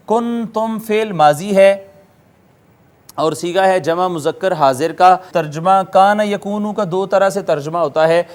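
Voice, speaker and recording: Guy teaching quran arabic grammar, pakistani urdu accent, high voice, goes slow and repeats each meaning. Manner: patient, methodical, spells out words and repeats meanings; chants Quranic words slowly in a drawn-out recitation tone. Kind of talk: classroom-style recorded lecture.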